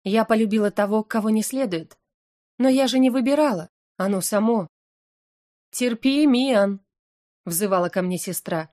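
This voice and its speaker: A woman reading a first-person fantasy audiobook, in an expressive, anxious and wry voice. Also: medium pitch, a little fast. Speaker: audiobook narrator.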